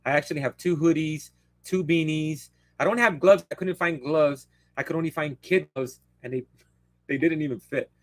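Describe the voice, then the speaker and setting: This livestream host, a native Spanish speaker, chats casually in a fairly high voice at normal speed. He rambles, interrupts himself and speaks bluntly, and the sound is dry and close with no echo.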